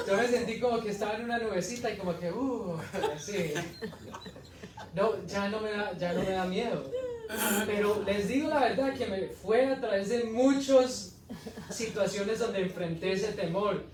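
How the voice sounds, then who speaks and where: A man, an evangelist, giving an animated testimony sermon full of storytelling and laughs in a church hall. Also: high-pitched, normal speed, crowd noise. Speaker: evangelist preacher. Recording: echoey hall from far off.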